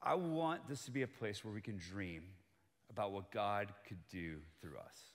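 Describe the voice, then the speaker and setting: A man preaching a sermon as pastor, earnest and building to excited emphasis, who grew up in Colombia. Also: fairly low pitch, moderate pace, long reverb tail.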